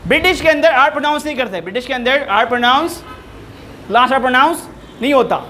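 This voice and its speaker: Man, teacher, bright tense voice, faint background noise, lively classroom lecture. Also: very high voice, fast. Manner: lively, rhetorical questions to students, switches between languages. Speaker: English teacher. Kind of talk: classroom lecture mixing Hindi-Urdu and English.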